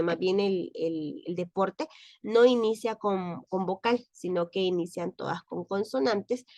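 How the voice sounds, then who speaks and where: A woman teaching a lesson who speaks slowly and patiently, pausing on fillers and asking the class why before she answers. Her voice sits in a middle register and sounds close and dry, with little room echo. She reads examples. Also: mid-range voice. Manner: patient, explanatory, many fillers and repeated questions. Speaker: French teacher. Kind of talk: explaining grammar in class.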